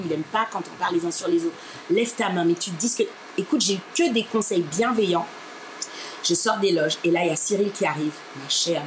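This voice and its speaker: A woman from Martinique telling a personal story as an interview guest. She acts out the people she quotes and keeps calling the listener "my dear.". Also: medium pitch. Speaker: interview guest, radio presenter. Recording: steady background noise.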